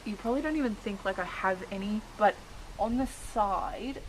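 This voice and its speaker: A woman talks casually, as if to a friend, in a vlog. Her pitch sits in the middle range for a woman, and her delivery is informal and rambling, with a self-deprecating streak. There is noticeable noise in the recording. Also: measured pace, rough recording. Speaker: vlogger. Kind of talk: casual chat to camera.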